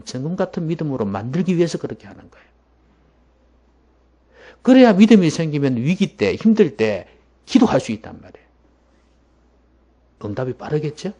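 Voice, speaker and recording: A man preaching a sermon as pastor in a church, emphatic and at times dropping to a hushed voice. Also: mid-range voice.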